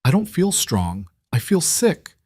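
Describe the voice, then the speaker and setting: A man's voice: on the high side, huge pitch swings, unhurried, a little mellow, breathy edge, no room sound, studio quality, voice pushed up, exaggerated voice. A man voicing a frightened young female graduate student, pleading and shaken.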